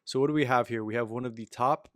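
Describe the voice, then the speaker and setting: A man's voice: medium pitch, quick pace, fairly bright tone, no echo, clean studio sound. A man giving a casual, reflective spiritual talk as a meditation teacher, filling his sentences with "you know" and "um.".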